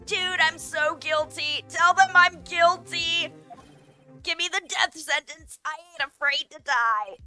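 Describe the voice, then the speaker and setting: A woman voicing a melodramatic, heartbroken young man who sobs and shouts in despair. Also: very high voice, slow, faint music behind, pitched above the performer's own voice, exaggerated voice. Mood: despairing wail. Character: wailing heartbroken young male friend.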